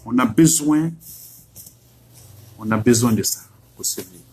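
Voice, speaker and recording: A man's voice: medium pitch, unhurried, a little mellow, husky. A middle-aged man from Africa, preaching emphatically and asking rhetorical questions. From West Africa. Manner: emphatic, rhetorical questions, repeats lines for effect. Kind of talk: religious exhortation.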